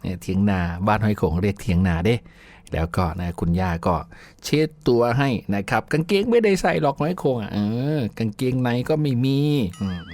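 With faint music in the background, a man hosting a radio show shares folksy tales from his childhood. He talks in a chatty, frequently laughing manner, his voice medium-pitched and darkish.

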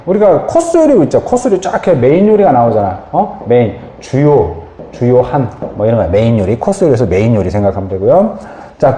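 A man's voice: mid-range voice, reverberant, a little hiss or hum. A man teaching English vocabulary in a lecture, often asking questions and answering them himself. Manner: lively, asks and answers his own questions.

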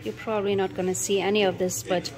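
Talking fast with a medium, fairly flat pitch and a darkish tone, this woman gushes excitedly as she records a family vlog on her phone. She's a mother and vlogger narrating casually inside a busy pub restaurant, and the noise of the crowd is audible throughout.

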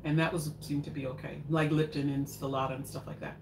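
This older woman speaks quickly with a deep, creaky voice and a level tone, chatting and rambling casually as she cooks live at home and fields viewer questions. The camera sits at a distance in front of the kitchen counter, giving an echoey, noisy recording.

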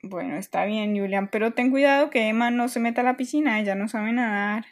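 A woman's voice: fairly high pitch, fairly quick, natural voice. A woman playing a weary scolding mother. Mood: cautioning. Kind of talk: toy play-acting for children.

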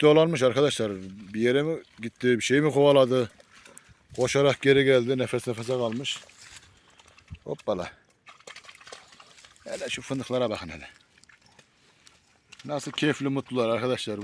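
A man's voice: medium pitch, moderate pace, long pauses, a little hiss or hum. Give me a doting man narrating his dogs outdoors. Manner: affectionate, doting, talks to the dogs with pet names. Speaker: vlogger filming his dogs on a nature walk. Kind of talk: casual commentary to viewers. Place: outdoors in nature.

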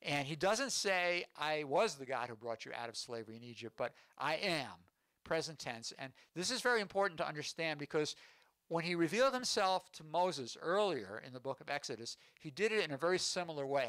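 Man, rabbi, sermon, bright, dry close sound. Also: on the high side, animated, moderate pace, dry recording. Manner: explanatory teaching with rhetorical questions. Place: congregation sanctuary.

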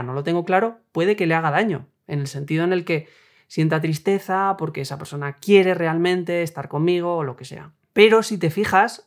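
A young adult man, hosting a self-help video and calmly explaining ideas with worked examples. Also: on the high side. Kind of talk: explanatory talk on relationships.

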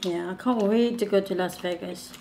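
A woman's voice: mid-range voice, moderate pace, a little mellow, slight background noise. A woman from the Philippines chatting casually while tasting food on a vlog and retelling what happened to her. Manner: chatty, retells stories with mimicked voices. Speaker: food vlogger.

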